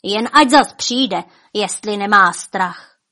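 A woman voicing a proud, bold young king in a fairy tale, speaking slowly, loudly and grandly. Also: medium pitch. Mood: reassuring. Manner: slow, loud, proclaiming.

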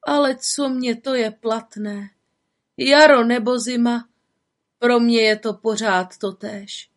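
A woman's voice: fairly high pitch, fairly even intonation, pitched above the performer's own voice, lightly acted. A woman voicing a sad, weary shingle-maker's wife in a storybook reading, sighing and mournful.

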